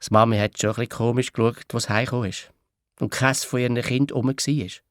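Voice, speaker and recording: A man's voice: medium pitch, steady tone, fast talker, dry recording. A man with a Swiss German accent narrating a children's audio story in a playful, childlike first person. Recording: dry studio read with soft music.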